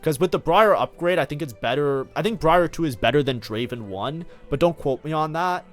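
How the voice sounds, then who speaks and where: A man with a fairly high, animated voice talks a little quickly over faint background music. He's a streamer casually commenting on his own strategy game match, chatting loosely and packing his speech with fillers like "like, you know."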